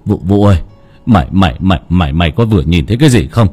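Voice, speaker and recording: A man's voice: deep voice, lively intonation, fast, darkish tone, breathy edge, soft background music, pitched below the performer's own voice. A man voicing an old father overcome by grief and fear, stammering and wailing as he talks. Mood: stammering terror. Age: older.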